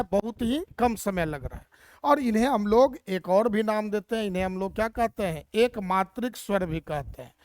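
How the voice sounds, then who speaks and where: A woman's voice: on the high side, no room sound. A woman teacher explaining Hindi grammar step by step and asking rhetorical questions as she goes.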